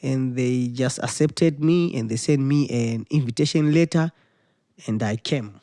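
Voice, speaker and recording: A young man, answering questions about his music. He speaks at a middling pitch, often restarting and repeating words as he finds his phrasing. The recording is dry and close, with no room sound. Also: mellow, no echo. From Zimbabwe. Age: 20s. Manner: halting, repeats words while searching for phrasing. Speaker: musician guest. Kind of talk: interview answers.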